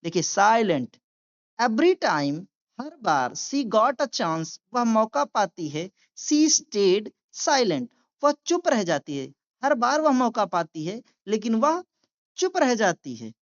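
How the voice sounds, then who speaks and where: Very slow Indian woman teaching reading. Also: fairly high pitch, sing-song. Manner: spells words letter by letter, repeats each word, explains in Hindi. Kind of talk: slow word-by-word reading lesson. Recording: dull lo-fi sound.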